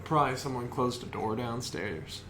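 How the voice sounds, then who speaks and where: A man, co-hosting a casual podcast chat, slow and hesitant with many fillers. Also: mid-range voice, lively intonation, noisy background. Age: 20s. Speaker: podcast co-host.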